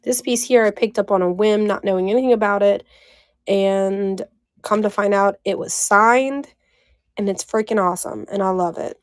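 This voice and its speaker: Hoarse, crackly-voiced woman selling live. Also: mid-range voice, moderate pace, no echo, studio quality. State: hoarse, with inflamed vocal cords and throat clearing. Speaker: live-sale host selling vintage glassware. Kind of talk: casual live selling chat to viewers.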